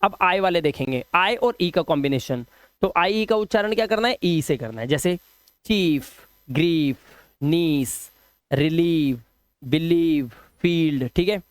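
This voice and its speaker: A man teaching English pronunciation, drilling word lists slowly and chatting with viewers between rules. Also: on the high side, animated, no echo. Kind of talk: spoken English lesson.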